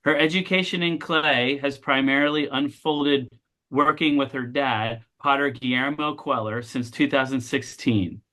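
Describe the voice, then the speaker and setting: A man hosting a lecture series introduces a guest, halting at first with many fillers, then reading a prepared bio. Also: mid-range voice, steady tone, pushed and bright.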